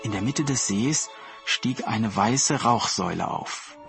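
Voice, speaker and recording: A man reading a fairy tale aloud in a calm, storybook narration style. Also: mid-range voice, unhurried, vocal fry, over music.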